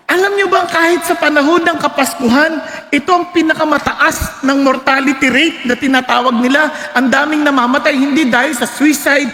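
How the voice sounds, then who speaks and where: A man preaching an animated sermon, mixing in English and shouting scripture for emphasis. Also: very high voice, fairly quick, echoey room, big-room sound, a little hiss or hum.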